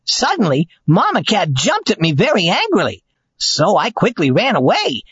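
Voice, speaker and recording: A man voicing a friendly, eager male dog in a storybook reading, in a husky, high, sing-song way. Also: huge pitch swings, normal speed, a bit bright, no room sound, exaggerated voice. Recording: dull lo-fi recording.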